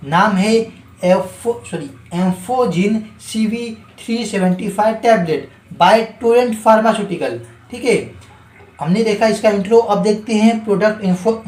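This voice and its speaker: A man's voice: high-pitched, darkish tone, reverberant, low-quality recording. A man teaching pharmacy in a casual spoken lesson, often stumbling over words and correcting himself. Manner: halting, frequent self-corrections and filler checks.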